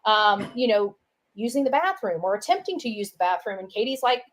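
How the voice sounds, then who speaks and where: The woman speaks at medium pitch, expressively and a little fast, with a slight hiss or hum in the recording. Casual and opinionated, she meanders, says things twice, and keeps dropping "you know" and "right."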